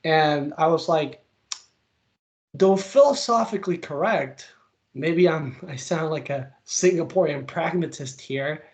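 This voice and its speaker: A young political commentator from Venezuela speaks in a slightly high voice as he answers interview questions. His replies are relaxed and energetic, full of fillers, and come out in quick bursts.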